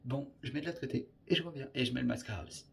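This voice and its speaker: A man's voice: medium pitch, rapid-fire, vocal fry, slight background noise. Chatty young man doing makeup. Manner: chatty, scattered, peppered with English filler words. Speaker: makeup vlogger. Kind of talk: casual makeup tutorial chat.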